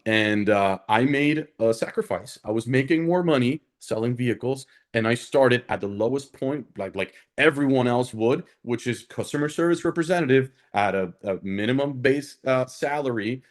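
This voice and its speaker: A man's voice: medium pitch, moderate pace. A man from Honduras, speaking as an alumnus guest on a panel in an earnest, conversational way that often checks in with the listener. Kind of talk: conversational career talk on a panel.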